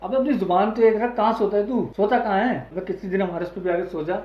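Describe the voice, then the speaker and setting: Fired-up man ranting in a high voice. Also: quick pace. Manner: heated, crude, swears often. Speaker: online video host. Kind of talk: angry reaction commentary. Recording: echoey, dull lo-fi audio.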